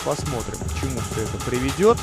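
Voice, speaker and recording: A man's voice: mid-range voice, expressive, fast. A man giving live sports commentary, reciting fighter statistics in an informational way. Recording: loud music behind the commentary.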